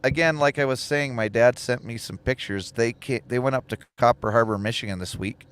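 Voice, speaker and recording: A man's voice: medium pitch, brisk, a bit bright, smooth. A man hosting a casual livestream, chatty and laughing often as he reads viewer comments aloud. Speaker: livestream host and truck driver trainer.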